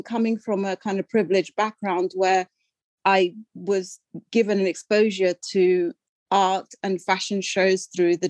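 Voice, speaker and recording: A woman's voice: mid-range voice, darkish tone, dry recording. An older woman, born in Sudan and raised in London, speaking as a guest on a podcast interview in a reflective, storytelling way with self-deprecating asides.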